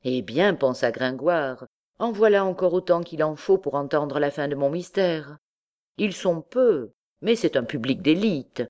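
A man's voice: a little high, expressive, unhurried, darkish tone. A woman reading the part of an irritated, proud medieval male poet who grumbles and complains theatrically. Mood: exasperated.

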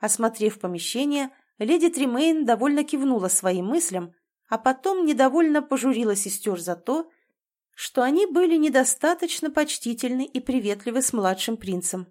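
Audiobook narrator, woman, measured first-person reading, slightly high. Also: lively intonation, a little mellow.

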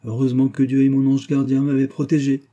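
A man's voice: mid-range voice, monotone, fast, warm tone, highs cut off, voice pushed up, close to an everyday voice. A man voicing a proud young peasant woman, the miller's daughter, boasting of her suitor in a storybook reading. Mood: triumphant.

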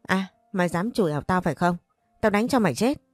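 A woman voicing a spiteful older mother-in-law in an audio story, scolding fast and shrilly. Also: fairly low pitch, animated, no room sound, studio quality, soft background music. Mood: furious.

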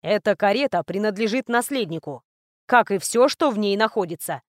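A woman reading the lines of a cold, stern male bodyguard in a clipped, flat manner. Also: medium pitch, normal speed, no room sound, studio quality, natural voice.

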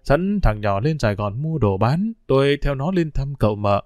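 A man voicing a gentle elderly country aunt who talks slowly and softly. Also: mid-range voice, very animated, dry recording, clean studio sound, close to an everyday voice.

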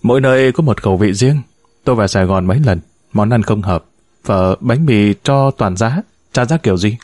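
A man voicing a feisty, sharp-tongued woman near thirty who bickers and teases, in a read-aloud story. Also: lowish voice, expressive, dry recording, clean studio sound, natural voice. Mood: bantering. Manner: brash, quick to bicker and tease.

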